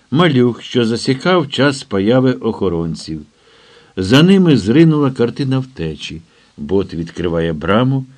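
A man with a fairly low voice reads an audiobook in a measured, steady way. His scripted narration keeps an even pace throughout.

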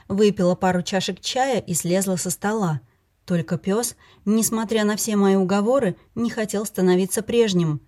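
A woman's voice: medium pitch, dark tone. Woman reading a fantasy novel aloud. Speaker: audiobook narrator. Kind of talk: first-person storybook narration.

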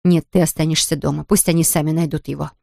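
A woman's voice: sits low, fairly even intonation, fast, vocal fry, a little mellow, no room sound, clean studio sound. A woman voicing a firm, commanding mother of a large family in a children's storybook reading. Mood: stern. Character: stern mother of a big family.

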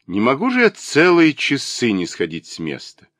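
A mocking young lady of the gentry, as a man reading a novel aloud puts her on. She talks fast and sharp, her pitch lifted a little above the reader's low voice and moving in lively swings. The sound is close and dry. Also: dry recording.

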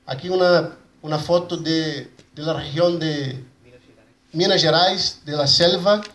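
Man, Brazilian Portuguese accent, slightly high voice, halting Spanish-Portuguese mix, conference speaker, echoey room. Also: fairly bright tone. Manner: mixes Spanish with Portuguese words and forms (portuñol). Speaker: conference speaker for an agroecology movement. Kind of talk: conference presentation. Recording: roomy echo, faint background noise.

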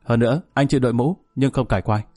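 Brief: man playing a clipped, by-the-book cop, brisk and flat. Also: medium pitch, dry recording, faint music behind, close to an everyday voice. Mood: stern. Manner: officious, curt. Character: curt male traffic police officer.

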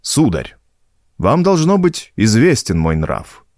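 Storybook: gentle, firm old priest played by a male reader, solemn, preachy. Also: mid-range voice, slow pace, no echo, clean studio sound. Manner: calm, preaching tone.

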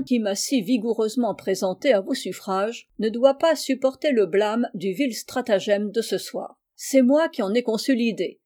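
A woman's voice: fairly high pitch, warm tone, lightly acted. A woman voicing a courteous, playful teenage boy who speaks formally and graciously in a storybook.

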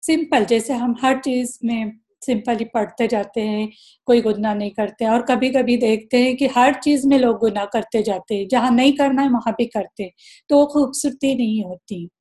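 A woman's voice: a little high, mellow. Patient woman teaching Quran recitation. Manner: patient and explanatory, demonstrates recitation slowly. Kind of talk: tajweed lesson.

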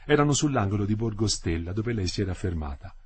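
Male audiobook narrator, husky, expressive reading, lively intonation. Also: on the low side. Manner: expressive, measured storytelling.

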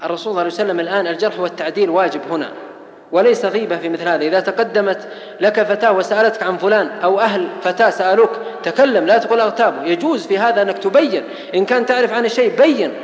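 Fast, high-pitched preacher in echoing hall. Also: male voice, highs cut off. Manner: emphatic, oath-laden preaching with rhetorical lists. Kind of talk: religious lecture. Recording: echoey hall with long reverb.

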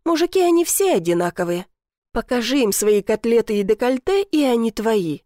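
A young woman narrating a first-person audiobook in a lively, indignant storytelling manner. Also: on the high side, normal speed, no echo, clean studio sound.

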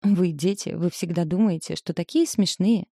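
A woman's voice: fairly low pitch, moderate pace, dark tone, no echo, studio quality. A woman reading as a fussy, scolding mother. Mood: teasing. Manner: scolding, fretful, theatrical. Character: fussy, chattering middle-aged mother. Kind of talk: audiobook character voice.

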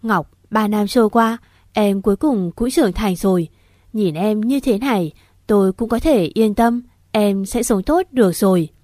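A woman voicing a quiet, restrained man, the heroine's imprisoned uncle, speaking low and gently. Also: normal speed, dry recording, studio quality, lightly acted. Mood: gentle, restrained.

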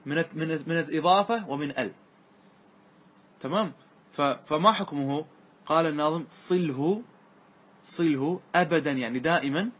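Male grammar teacher, a bit high and husky, classroom question-and-answer style, slow verse recitation. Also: a bit bright.

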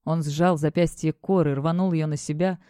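Woman reading a dark story, dark mellow voice. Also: low voice, steady tone, moderate pace, clear, resonant tone, no echo, studio quality. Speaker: narrator. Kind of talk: audiobook narration.

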